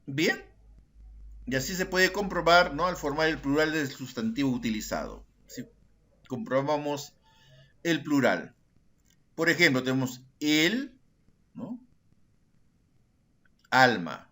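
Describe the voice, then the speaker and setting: A man's voice: on the high side, lively intonation, unhurried, pauses often, fairly bright tone. A male secondary school teacher, patiently explaining grammar to his students and checking in with frequent tag questions. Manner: addresses students directly and repeats key words. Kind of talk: recorded grammar lesson.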